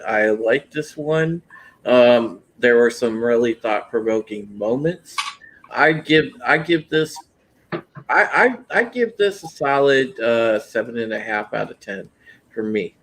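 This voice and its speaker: A relaxed man hosting a podcast, handing each panelist their turn. He speaks at an average pitch in a loose, conversational way. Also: rough recording. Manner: relaxed, hands the turns to the panel. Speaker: podcast host. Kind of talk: casual chat.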